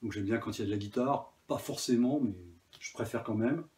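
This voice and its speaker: A man's voice: medium pitch, fairly quick, a little mellow, a little hiss or hum. A man casually talking about his new vinyl records, enthusiastic and hesitant, with many fillers. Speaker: vinyl collector vlogger. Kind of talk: casual chat.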